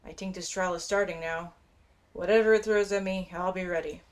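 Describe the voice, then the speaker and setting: Speaking fairly quickly in a lowish, steady voice, a woman streams a game and chats informally about it. She thinks out loud and reads snippets of quest text, with faint background noise and game sounds underneath.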